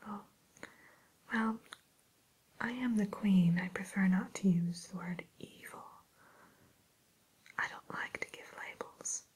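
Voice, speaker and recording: A woman playing a haughty evil fairy-tale queen turned shopkeeper in a breathy ASMR whisper, speaking in a genteel, unhurried way. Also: medium pitch, darkish tone, low-quality recording. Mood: haughty, aloof. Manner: genteel, aloof, unhurried, hesitant pauses.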